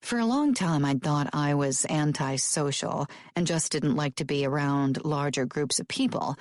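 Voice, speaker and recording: A woman narrating a romance audiobook in the first person, with an expressive, lively delivery. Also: low voice, moderate pace, no room sound, studio quality.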